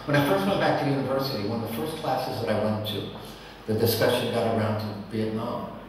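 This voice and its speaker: A man's voice: mid-range voice, brisk. A man in his sixties, a Vietnam veteran, recalling his past in a reflective, plainspoken documentary interview. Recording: very echoey hall, distant mic, crowd noise.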